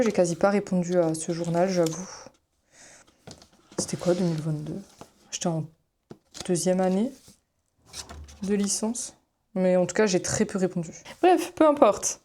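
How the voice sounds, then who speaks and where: A woman's voice: medium pitch, moderate pace, pauses often, dark tone. A young woman, a student vlogger, talking casually and rambling as she flips through her notebooks, with plenty of fillers and self-corrections. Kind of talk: casual chat while flipping through notebooks.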